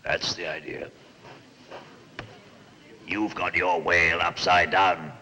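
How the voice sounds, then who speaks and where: An actor playing a gruff, irreverent old painter who talks bluntly and wryly, in 1950s film style. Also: male voice, low-pitched, little pitch movement, slow pace, pushed and bright, exaggerated voice. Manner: blunt, wry, commanding. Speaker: eccentric painter. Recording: noisy old film soundtrack.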